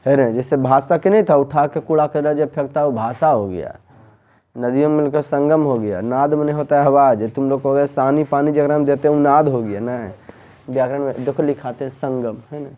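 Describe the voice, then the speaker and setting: A man's voice: a little high, dull audio. A man, teaching a grammar lesson in a tuition classroom and asking students the same questions again and again. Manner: drills students with repeated questions.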